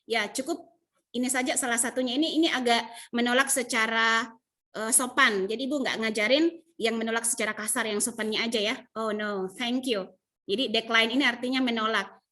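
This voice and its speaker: A woman from Indonesia teaching English in an online class, explaining in Indonesian and modelling English phrases with lively intonation. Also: on the high side, brisk. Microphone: video call.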